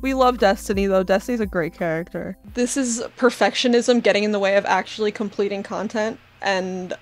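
A woman hosting a casual chat with friends, joking and quick to agree. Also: medium pitch. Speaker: video host.

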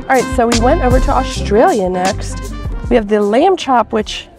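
A woman's voice: on the high side, animated, normal speed, over music. A woman reviewing food outdoors at a festival, chatting casually with plenty of filler words. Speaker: food vlogger.

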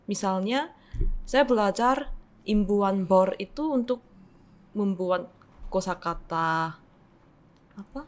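A woman in her twenties with a Korean accent, a native Korean speaker talking Indonesian as a foreigner, carefully and haltingly in a casual interview. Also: medium pitch. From South Korea. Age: 20s. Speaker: podcast guest. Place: small podcast studio, indoors. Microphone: desk microphone.

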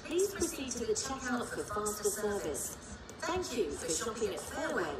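A woman's voice: on the high side, far from the mic. Woman's voice in an echoey supermarket announcement. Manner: calm, measured, scripted. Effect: supermarket loudspeaker announcement. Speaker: store announcer. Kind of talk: recorded announcement. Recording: echoey store PA from afar, noisy.

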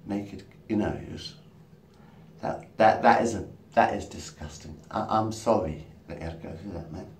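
A male vlogger in his 50s delivers a casual, rambling monologue to a phone held at arm's length, swearing and cracking himself up in a small room. He speaks at a normal speed in a lowish voice. Because he's far from the mic, there's a roomy echo and faint background noise.

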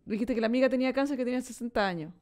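A woman's voice: a little high, racing, darkish tone. A Chilean woman in her thirties co-hosting a podcast, teasing her friend in slangy casual chat. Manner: teasing and slangy, joking banter. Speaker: podcast co-host.

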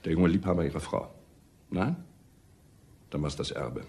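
In a crime radio drama, an actor plays a relentless, sardonic police detective, speaking deliberately and accusingly with dry irony. His male voice is a low rumble with a slightly mellow quality.

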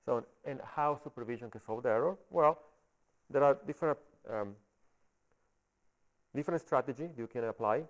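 A man with an Italian accent giving a technical talk at a meetup, halting and often checking in with the audience. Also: mid-range voice, low-quality recording. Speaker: conference speaker. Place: coworking space meetup room.

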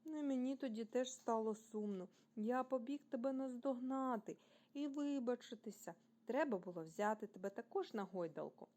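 A woman voicing a cheerful, lively little boy dinosaur in a storybook reading, bright and bouncy in delivery. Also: a little high, natural voice. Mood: gentle. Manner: bright, bouncy, slowed for emphasis.

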